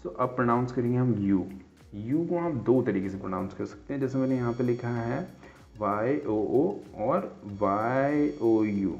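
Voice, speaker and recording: Male teacher, middle pitch, casual explainer who keeps checking in, dull lo-fi recording with faint music under it. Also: creaky, darkish tone. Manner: repeats "theek hai" as a check-in after nearly every point; spells and repeats example words slowly. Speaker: English teacher. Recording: dull lo-fi sound.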